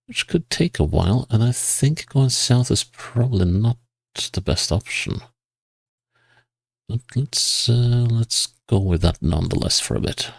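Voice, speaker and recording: A man giving casual gameplay commentary, musing to himself and reading signs and place names aloud in a husky voice. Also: mid-range voice, expressive, a little slow, no echo. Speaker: GeoGuessr player.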